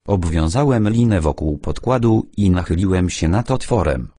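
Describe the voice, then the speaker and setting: Male audiobook narrator, first person, calm and measured, low husky voice, dry close recording. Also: no room sound.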